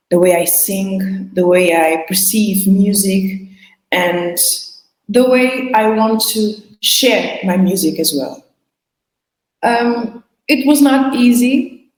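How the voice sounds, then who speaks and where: This interview guest is a Portuguese singer chatting in English; her answers are halting, full of restarted phrases and laughter in between. She has a mid-range, darkish voice, and the recording has room echo.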